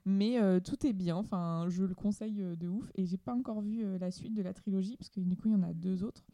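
A woman's voice: mid-range voice, fairly quick, dark tone, no echo. A young woman co-hosting a podcast, enthusiastic but hesitant, with many fillers. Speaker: podcast co-host. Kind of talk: casual chat.

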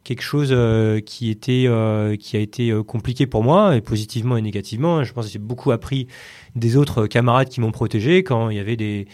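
A man in his late thirties from the Paris region speaks with a mid-range, darkish voice and a Parisian French accent. A company chief executive appearing as a podcast guest, he answers interview questions casually and hesitantly, often repeating words and filling pauses.

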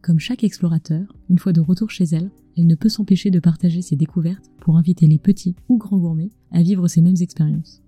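Lady narrating a podcast story, really close in your ear, dry sound, lowish voice. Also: fairly even intonation, fairly quick, few pauses, mellow, breathy edge, dry recording, soft background music. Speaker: podcast host, culinary storyteller. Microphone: close microphone with acoustic screen.

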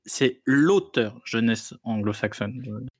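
A man's voice: medium pitch, takes it slowly, slightly rough. A man co-hosting a casual film podcast, reacting with amusement. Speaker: podcast co-host.

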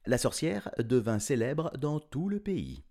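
A man telling a children's story in an animated, playful way, chuckling often. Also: mid-range voice, a little slow.

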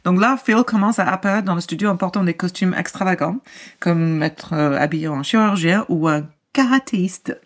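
A woman co-hosting a podcast, telling a true-crime story in a casual, animated way and often laughing mid-sentence. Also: fairly low pitch, moderate pace.

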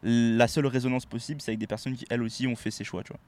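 A man co-hosting a podcast in casual chat, relaxed and switching into English words mid-sentence. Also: medium pitch, very fast. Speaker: podcast co-host.

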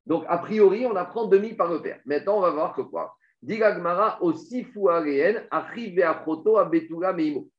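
A man's voice: high voice, a little fast, few pauses. A man teaching a Talmud class, reading Aramaic passages and explaining them step by step, asking questions and answering them himself. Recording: dull, echoey room recording.

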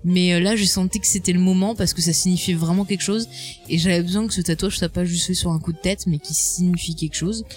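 A woman guest in a casual conversation, chatty and expressive, laughing often and swearing casually. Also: fairly low pitch, fast talker, faint music behind.

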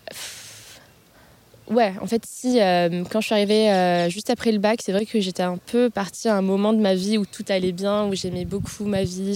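A Lebanese woman in her mid-twenties, with a medium-pitched, darkish voice, is a guest in a casual interview outdoors in a park, holding a handheld mic. She sounds hesitant, with many fillers and restarts, and there is slight background noise.

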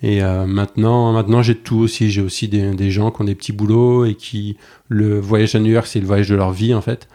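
Fast-talking man in his forties. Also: on the low side, level tone, mellow. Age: 40s. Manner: chatty, with many restarts and fillers. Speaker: travel blogger and tour agency owner, podcast guest. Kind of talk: casual conversational interview.

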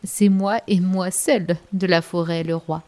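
A woman voicing a proud, boastful male bear in a children's storybook, speaking in loud, indignant exclamations. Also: on the low side, steady tone, unhurried, close to an everyday voice. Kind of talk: storybook voice acting.

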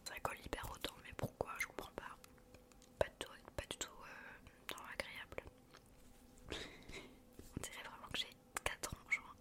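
A woman's voice: measured pace, pauses often. A woman hosting an ASMR video, whispering breathily right up close in the ear, chatting casually and intimately to one listener. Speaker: ASMR video creator and host.

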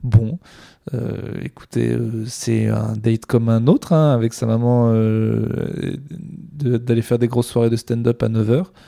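In a casual solo podcast monologue, a male comedian rambles along with sardonic humor and a lot of filler words. He speaks unhurriedly in a level, mid-range voice that is gravelly yet warm.

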